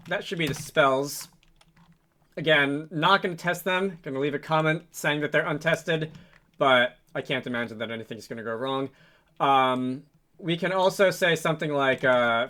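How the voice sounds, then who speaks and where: This game developer and programming video host has a bright, mid-range voice with a forceful tone, and there's slight background noise. He rambles hesitantly through an unscripted, casual coding tutorial, thinking out loud and catching his own mistakes while keys clack and the mouse clicks.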